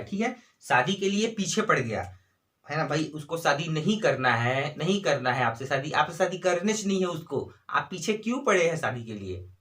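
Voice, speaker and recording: In a slightly high, somewhat bright voice, a Chhattisgarhi-accented Hindi speaker tutors for an exam. He repeatedly uses "ठीक है" and "है ना" while posing and answering his own questions.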